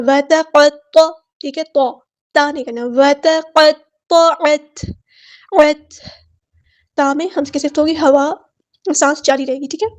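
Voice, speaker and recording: A woman teaching tajweed, explaining letters slowly and repeating single sounds and words as models. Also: high-pitched, a little mellow. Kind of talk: tajweed lesson, explaining word by word.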